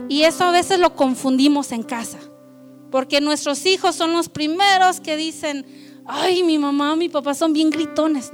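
A woman preaching a conversational sermon, mixing in English phrases. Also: sits high. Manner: switches between Spanish and English, conversational and lively.

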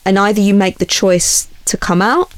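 A podcast guest in casual chat, talking haltingly with many restarts. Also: medium pitch, smooth, dry recording.

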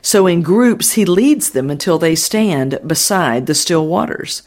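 A man reading as a gentle old shepherd, mellow and earnest. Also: a little high, lively intonation, unhurried. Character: gentle older male shepherd guest, devout. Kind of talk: audiobook narration.

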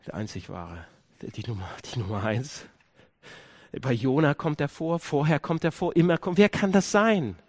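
A male pastor preaching a sermon, dropping to hushed low stretches, then rising into emphatic repeated questions. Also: moderate pace, no room sound, clean studio sound.

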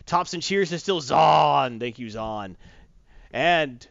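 Lively animated man on a livestream. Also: a little high, slow, vocal fry, no room sound. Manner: animated, jokey, reads shout-outs. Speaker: co-host of a game stream show. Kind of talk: casual livestream chat and giveaway. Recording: dull lo-fi dry stream audio.

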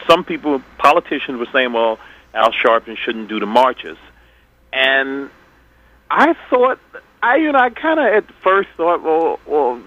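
Older guy w ny calling a radio show, bit deep, thinks out loud, muffled line. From Queens, New York. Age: middle-aged or older. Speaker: radio call-in caller. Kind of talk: casual spoken opinion. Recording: dull lo-fi radio phone call.

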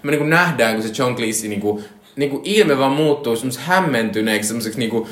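A man's voice: medium pitch, lively intonation. A man with a Finnish accent co-hosting a podcast, eagerly retelling film scenes with many fillers. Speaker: podcast co-host. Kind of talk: casual chat about a film. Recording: echoey room.

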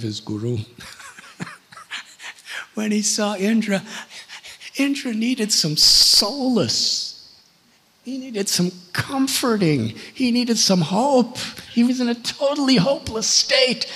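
A man's voice: high voice, fairly bright tone, a little hiss or hum. A man, a spiritual teacher, telling a sacred story in a sermon, emphatic and dramatic. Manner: slow, emphatic and dramatic, with laughter. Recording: long hall reverb.

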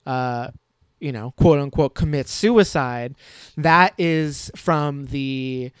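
A man's voice: mid-range voice, takes it slowly, clean tone, no echo, studio quality. A man co-hosting a podcast, giving blunt, critical film opinions in casual chat and swearing freely. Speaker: podcast co-host.

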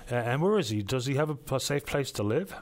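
A man hosts a call-in show in a smooth radio-host manner, easygoing and courteous with each caller. He talks into a headset microphone. His voice is starting to give out and turn hoarse. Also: mid-range voice, expressive, fairly quick. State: voice going hoarse.

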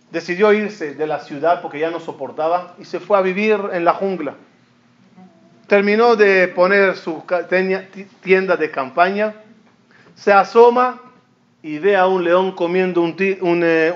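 Man, high voice, storytelling sermon, acts out quotes, dull lo-fi sound. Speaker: rabbi. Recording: dull lo-fi recording.

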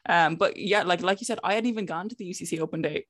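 A woman's voice: fairly low pitch, quick pace, no echo, studio quality. A young woman from County Clare with a west of Ireland accent, chatting casually and telling anecdotes, peppering them with "like" and quoted exchanges. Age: young adult. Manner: conversational, frequent filler "like", quoting herself and others.

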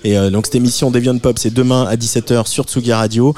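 A man's voice: medium pitch, steady tone, fast talker, warm tone. A man hosting a radio show in casual chat, hesitant, with many fillers and restarts.

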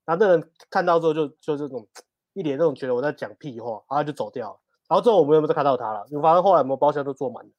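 A man's voice: on the high side, lively intonation, rapid-fire, no room sound, highs cut off. A man telling a nightclub story, amused and chuckling. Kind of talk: casual storytelling.

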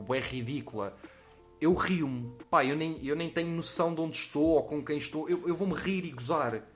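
Man, early twenties, European Portuguese accent, Lisbon area, comic storytelling, rapid, slang and swearing. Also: medium pitch. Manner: slangy, swears a lot, acts out quotes. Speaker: comedian telling a story. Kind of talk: comic anecdote monologue.

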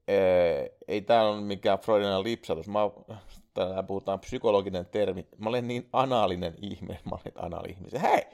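A man talks alone into a USB microphone for his own podcast, rambling and swearing casually as he addresses listeners. His voice has a gravelly, fry-laden edge. His pitch swings around animatedly as he talks. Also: a little mellow. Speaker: podcast host. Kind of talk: casual solo podcast monologue. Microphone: USB microphone into a laptop.

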